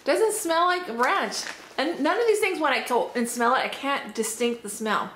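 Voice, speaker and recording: A woman chatting upbeat and thinking aloud as she unboxes and tastes snacks, her voice slightly hoarse. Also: high-pitched, animated, moderate pace, fairly bright tone. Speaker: unboxing vlogger. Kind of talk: casual product tasting review. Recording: roomy echo, faint background noise.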